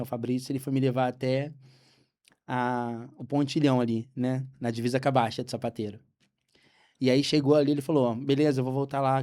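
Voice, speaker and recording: A Brazilian man, a podcast guest, telling a faith story with lively acted-out dialogue. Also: medium pitch. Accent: Brazilian Portuguese. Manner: animated storyteller acting out dialogue. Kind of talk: storytelling testimony.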